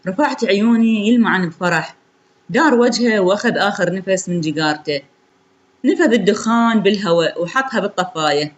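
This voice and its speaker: A woman's voice: mid-range voice, a little fast, lo-fi sound. A woman with an Iraqi accent telling a sorrowful story in the first person, in an intimate way.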